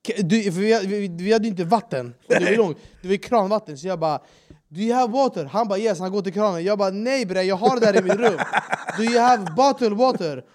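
A man, telling a travel story in casual chat and acting out the people he met in broken English. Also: high-pitched. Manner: animated, acts out quotes in broken English. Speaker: podcast host.

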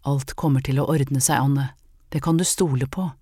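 A woman reading the part of a gentle, weary husband in an audiobook, speaking low and tender. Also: fairly even intonation, dry recording, clean studio sound. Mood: soothing. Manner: soft, low and tender, turning dark.

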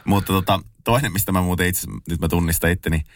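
A man's voice: low-pitched, steady tone, dry recording, studio quality. A man co-hosting a podcast, a personal trainer, sharing odd trivia in easygoing casual chat.

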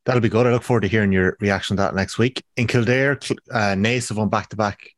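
A man's voice: on the low side, fairly even intonation, quick pace, no room sound, clean studio sound. A man with an Irish accent hosting a casual sports podcast, giving a round-up.

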